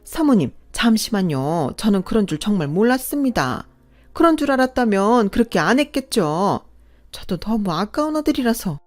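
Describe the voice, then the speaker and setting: A woman's voice: medium pitch, big pitch swings, moderate pace, soft background music, lightly acted. A woman voicing a composed middle-aged male company president who speaks formally and firmly.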